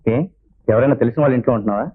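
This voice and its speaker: Guy playing a brisk boss, clipped and firm, old tinny movie audio. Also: mid-range voice, slight background noise, lightly acted. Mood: measured. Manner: firm, clipped, mixes in English. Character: brisk man, a kindly company boss. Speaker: company boss. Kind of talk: 1970s film acting. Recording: tinny lo-fi old film soundtrack with faint music.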